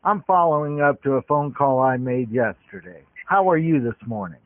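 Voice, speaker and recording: A man's voice: mid-range voice, animated, moderate pace, dry recording. Guy on a phone call, explains things step by step, tinny phone audio. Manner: polite, methodical, explains at length. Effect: heard over a phone line. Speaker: caller.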